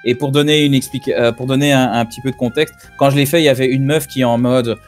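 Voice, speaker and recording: A man's voice: medium pitch, fairly even intonation, quick pace, soft background music. A man in a casual group discussion over a call, rambling with lots of fillers and asides. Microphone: computer on a call.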